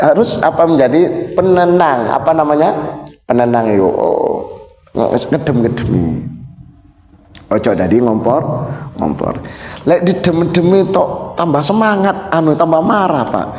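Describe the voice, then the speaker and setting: A middle-aged man with an East Javanese accent preaching at a mosque study session, animated and joking as he mixes Javanese into Indonesian and keeps addressing the men in the audience. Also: fairly high pitch, a little slow. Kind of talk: humorous sermon lecture. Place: mosque hall. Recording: echoey mosque hall with long reverb.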